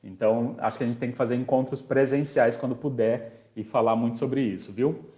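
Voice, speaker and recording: A man teaching an online parenting course in a warm, mellow voice. He talks conversationally, reads viewers' comments aloud and replies, and keeps checking in with his audience. The sound is roomy, with a clear echo off the walls. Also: medium pitch, fairly even intonation, a little fast. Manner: checks in often with tag questions. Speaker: special education teacher. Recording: echoey room.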